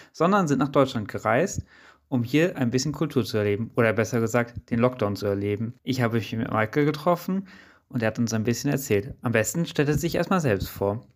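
A young male student radio reporter reads his feature from a script in an even manner. Between narrated passages he asks his interviewee questions. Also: medium pitch.

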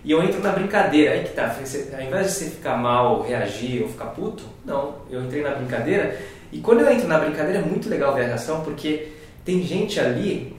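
A man's voice: big pitch swings, brisk. Hesitant Brazilian man, echoey distant mic. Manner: hesitant, frequent tag questions, grows amused while telling anecdotes. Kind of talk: casual reflective conversation. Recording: roomy, echoey, distant mic with low rumble.

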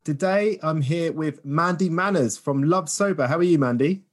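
A man's voice: a little high, normal speed. A man from England hosting a podcast, chatting casually and introducing his guest. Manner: friendly, chatty, reads out guest details. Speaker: podcast host. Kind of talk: casual interview.

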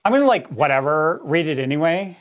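A man's voice: fairly high pitch, lively intonation, a little fast, natural voice. A man putting on a valley girl manner, as a slangy, easily disgusted 1980s teen in an improvised comic chat. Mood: exasperated. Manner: valley girl talk full of "like" and "totally".

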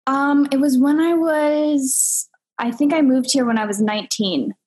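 A young woman, an actress guest on a podcast, with a fairly high voice. She answers loosely and casually, filling her speech with "like" and "um". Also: unhurried, a little mellow. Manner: casual, many fillers like "like" and "um".

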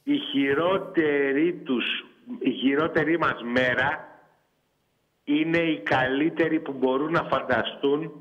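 A man's voice: fairly high pitch, fairly even intonation, muffled recording. A man calling in to a show, rambling and repeating himself as a fervent fan. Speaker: caller. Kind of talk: casual phone-in chat.

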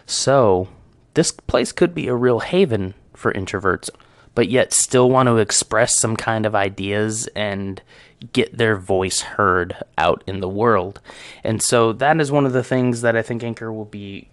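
A man's voice: lowish voice, unhurried, dry recording. A man hosting his own audio show, talking casually and reflectively to listeners about himself. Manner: reflective, conversational, self-aware. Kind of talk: casual solo talk. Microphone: close studio microphone.

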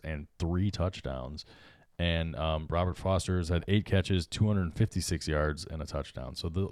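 Deep-voiced, laid-back man. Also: darkish tone, no echo, studio quality. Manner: laid-back, agreeable, laughs easily, reads out stats. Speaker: podcast co-host. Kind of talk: casual fantasy football chat.

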